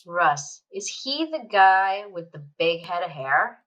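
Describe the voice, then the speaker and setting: A woman's voice: on the low side, sing-song, slow pace, fairly bright tone, heavily acted, poor audio. A woman playing a nagging, bitter ex-barmaid mother. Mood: sarcastic. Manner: nagging, scolding, sarcastic. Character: bitter, crass middle-aged mother, ex-barmaid. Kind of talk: student radio play acting.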